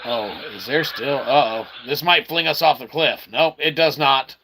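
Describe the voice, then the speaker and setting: Heavy background noise and loud game music surround this man's medium-pitched, creaky voice as he talks at a normal speed. He's a game streamer giving casual let's-play commentary, rambling and chatty, often ending remarks with "okay" or "all right."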